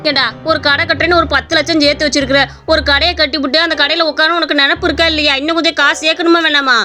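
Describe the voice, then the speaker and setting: A woman voicing a middle-aged mother in an animated story who keeps scolding her son about money in a nagging, exasperated way. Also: high-pitched, rapid-fire, faint music behind.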